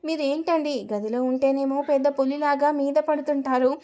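A woman's voice: high voice, steady tone, moderate pace, dark tone, lightly acted. A woman reading out the lines of a naive young bride who is shy and easily frightened. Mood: innocent. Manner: innocent, wondering.

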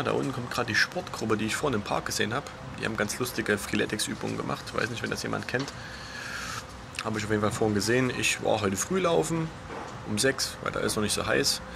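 A young man talks in a hushed, almost whispered undertone. His voice sits fairly low and has a strong creak. He chats casually into a camera held at arm's length, outdoors with clear urban noise behind him. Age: young adult. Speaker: gaming vlogger. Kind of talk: casual vlog chat. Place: outdoors on an apartment balcony.

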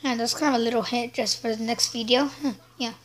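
A woman's voice: on the high side, steady tone, fast talker. A woman narrating playful toy play in a rambling way, switching between silly voices.

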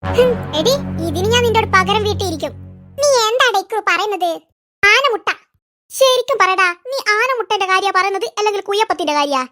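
A performer voicing squabbling cartoon kids and their mother, bickering in a squeaky, sped-up comic style. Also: expressive, a little fast, pushed and bright, faint music behind, exaggerated voice. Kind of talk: cartoon character voices.

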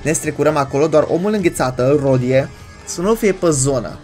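A young woman giving chatty, excitable commentary as she plays a horror game, shrieking when startled. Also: deep voice, faint music behind. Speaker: gaming YouTuber.

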